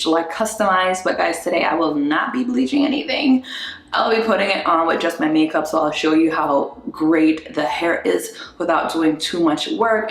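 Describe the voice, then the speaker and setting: A woman hosting a casual beauty review vlog, upbeat and gushing as she talks straight to her viewers, recorded with the strong echo of a bare bathroom. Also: lowish voice. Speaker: beauty vlogger. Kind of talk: casual chatty product review. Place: small bare bathroom indoors, just moved in.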